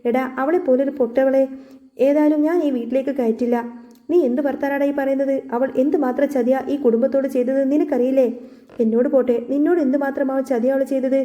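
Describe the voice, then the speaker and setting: A woman's voice: high-pitched, fairly even intonation, quick pace, warm tone, natural voice. A woman voicing a stern, scornful middle-aged mother-in-law in a storybook retelling, speaking harshly and firmly. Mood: angry. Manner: harsh, raised voice.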